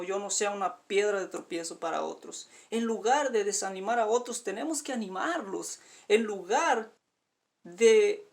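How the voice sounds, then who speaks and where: A man delivers a sermon in a gravelly, rough-edged voice. He pleads with his listeners as dear friends and drives points home by repeating words. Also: high-pitched. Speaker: preacher.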